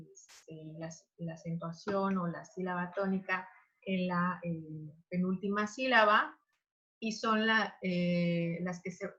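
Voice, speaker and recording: Slow, hesitant woman teaching online. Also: fairly low pitch, fairly bright tone, dull audio. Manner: slow, hesitant with many fillers. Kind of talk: online class lecture.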